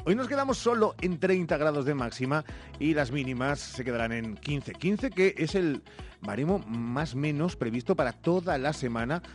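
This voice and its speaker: A man's voice: on the high side, animated, normal speed, soft background music. A man with a Castilian Spanish accent hosting a live radio magazine show in a playful, teasing, theatrical manner. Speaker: radio host.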